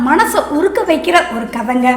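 A woman delivers a stream intro as a channel host. Her voice is very high, and the recording has a roomy echo. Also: big pitch swings, moderate pace. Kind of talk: stream intro, greeting viewers and teasing the story.

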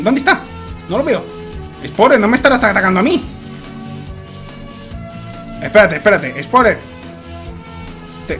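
Excitable gamer with faint music. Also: male voice, high-pitched. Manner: excitable, shouts and repeats words when nervous. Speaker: gaming YouTuber. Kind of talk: Let's Play commentary.

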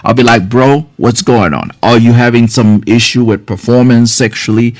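Speaking at a moderate pace with a medium pitch, this man in his forties from Haiti is a health care provider advising viewers casually and directly over a live stream from a small office. He is earnest and direct, with loose filler words. A boom-arm studio mic and close front camera capture him in studio quality with no room sound.

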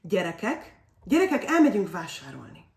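A woman voicing a busy, cheerful dwarf mother in a storybook reading, briskly calling the children. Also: fairly low pitch, big pitch swings, distant mic. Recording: roomy echo.

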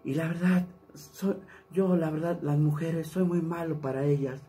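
A man voicing a mopey, lovelorn male crooner who talks softly and slowly. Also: a little high, steady tone, natural voice. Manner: soft, slow, self-pitying.

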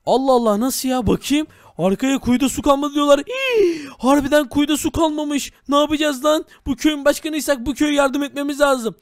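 High-voiced, fast-talking game host. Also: male voice, steady tone, dry recording, clean studio sound. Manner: dramatic, exclaiming to viewers. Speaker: game video host playing village head. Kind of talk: game role-play narration.

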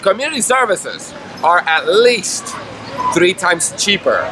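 A man in his thirties speaks with earnest insistence about his cause, his voice set a little high for a man. He is recorded outdoors on a city street, with clear traffic noise running under every word. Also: big pitch swings, a little slow, crowd noise. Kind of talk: street interview. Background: traffic and city ambience.

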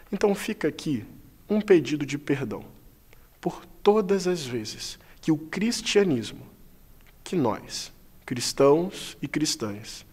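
A man speaks in a solemn, measured cadence, like a pastor delivering a prepared statement. His voice sits a little high for a man. He takes his time, leaving long deliberate pauses between short phrases. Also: darkish tone. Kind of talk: scripted spoken manifesto.

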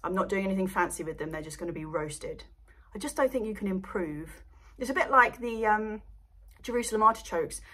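A woman's voice: mid-range voice, lively intonation, brisk, bright, forceful tone. A young Englishwoman chatting casually to camera at home about her allotment, rambling and laughing often. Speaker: allotment vlogger. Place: indoors at home by seedling light box.

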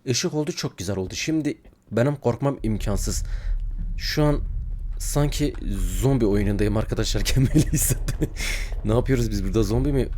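Playing a horror game on his YouTube channel, a young man talks a little fast in a warm, mid-range voice. He acts mock-brave, but scares send him yelping and screaming, and he mutters prayers when frightened, with slight background noise in the clip.

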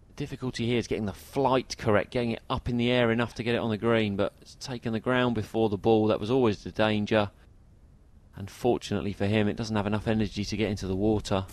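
A man's voice: fairly low pitch, steady tone, fast talker, darkish tone. A man giving golf commentary, analysing each shot of a tournament.

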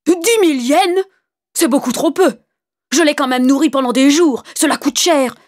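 A woman voicing a greedy, cruel man in a storybook tale, speaking loudly, angrily and blusteringly. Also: sits high, moderate pace, pitched above the performer's own voice, natural voice. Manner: loud, angry, blustering. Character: greedy cruel mean man, angry and grasping.

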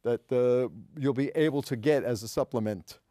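A man in his sixties speaks as a restaurateur guest on a TV studio panel. His tone is mellow and dark. He talks haltingly, restarting phrases, recorded dry on a lapel mic. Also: mid-range voice, no room sound. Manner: halting, many fillers and restarts.

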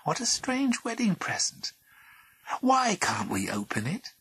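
A man's voice: high-pitched, huge pitch swings, unhurried, pushed and bright, slight background noise, voice pushed up, heavily acted. A man voicing a curious young bride, light and hesitant with stammers. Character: curious young bride, innocent and easily tempted.

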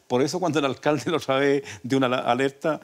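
A man's voice: mid-range voice, fast talker. Older Chilean man telling stories. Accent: Chilean Spanish. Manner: rambling, with many restarts and fillers. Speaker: folk singer, interview guest. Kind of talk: relaxed storytelling interview. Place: radio studio.

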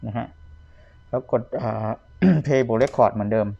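A man's voice: medium pitch, slow, dark tone, lo-fi sound. A man giving a casual product review as a seller demonstrating vintage audio gear. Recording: clear background noise, clicking buttons, radio bleed. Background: radio or tape of the demonstrated player.

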